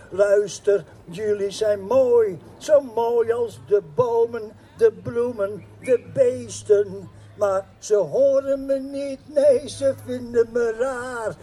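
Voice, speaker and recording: A high-pitched man recites poetry at a very slow, deliberate pace. His voice is husky and breathy, with a dark, mellow tone. He lands each line in rhythm and circles back to a repeating refrain. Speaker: poet.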